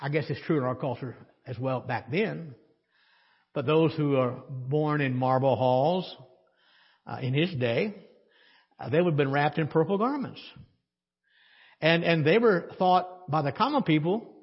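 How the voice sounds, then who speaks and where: His pitch is fairly high and his pace measured, with frequent pauses and a breathy edge. The male pastor preaches conversationally, asking the congregation questions and using dry sarcasm, captured in a church sanctuary on dull audio with long reverb.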